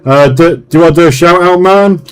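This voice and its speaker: A man with a fairly high voice talks fast while hosting a CB radio net in casual chat; he also live streams. He often stumbles, repeats words and phrases, and comes across as polite and apologetic. The session is very noisy, with engine-like hiss, loud radio noise and clicks.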